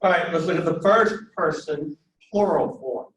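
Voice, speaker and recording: A man teaching Greek pronunciation in a classroom lecture, speaking step by step and pausing for an interpreter. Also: fairly high pitch, fairly bright tone. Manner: slow, step-by-step, pauses for the interpreter. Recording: echoey room, distant mic, faint noise.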